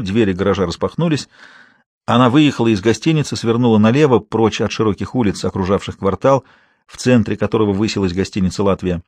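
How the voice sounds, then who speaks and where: A male narrator reads a thriller audiobook in a calm, steady voice. His pitch sits in an ordinary middle range. The studio sound is dry and close, with no room echo.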